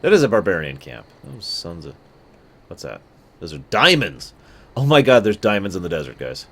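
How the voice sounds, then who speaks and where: His voice sits low and slightly bright, moving at a moderate pace with big pitch swings. The man is giving casual live commentary on a strategy game to his stream viewers, chatty, talking to chat, and prone to sudden mock outbursts.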